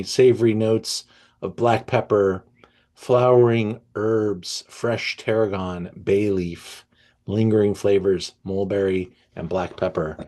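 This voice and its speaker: A man with a lowish voice hosts a wine tasting. He takes his time, reading the notes slowly. Between the readings he breaks off into eager, halting asides full of ums and restarts. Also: darkish tone. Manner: reads tasting notes aloud, then riffs enthusiastically with fillers. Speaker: wine merchant presenting a tasting. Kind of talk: live online wine tasting talk.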